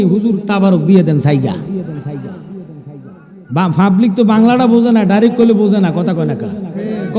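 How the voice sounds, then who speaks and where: A male preacher gives a sermon to a large gathering. He teases and challenges the crowd with questions and sometimes chants religious phrases. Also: high voice. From Bangladesh. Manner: provocative, teasing the crowd with questions. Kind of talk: Islamic sermon to an outdoor gathering. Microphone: loudspeaker microphone. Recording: echoey PA sound at a crowded gathering.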